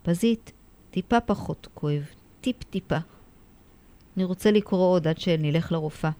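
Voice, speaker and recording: A woman's voice: fairly low pitch, warm tone, close to an everyday voice. A woman voicing a pained, earnest young schoolboy in a told story, pleading and repeating how much it hurts. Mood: relieved. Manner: pleading, repeating complaints of pain. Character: boy schoolchild in pain, earnest and devout.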